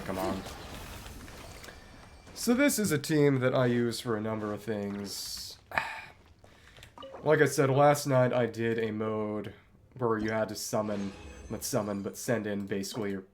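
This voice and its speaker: A man with a lowish voice gives casual gameplay commentary as a streamer, explaining mechanics in a wordy, understated way. Game music plays behind him, along with slight background noise.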